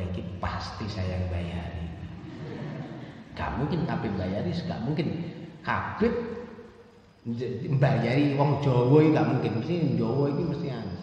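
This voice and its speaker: Animated middle-aged man preaching in echoing hall. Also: medium pitch, slight background noise. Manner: animated, acts out dialogue in changing voices. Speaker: Islamic teacher. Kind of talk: storytelling Quran lecture. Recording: echoey hall, distant dull lo-fi sound.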